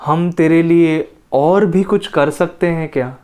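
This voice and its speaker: A man voicing a middle-aged father who speaks slowly and softly, gently questioning with quiet disappointment. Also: on the high side, smooth. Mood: disappointed.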